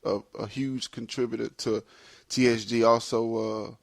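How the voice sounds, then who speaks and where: Man, podcast host, laid-back slangy chat, medium pitch, dry close sound. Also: level tone, a little slow, gravelly, dry recording. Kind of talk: casual chat.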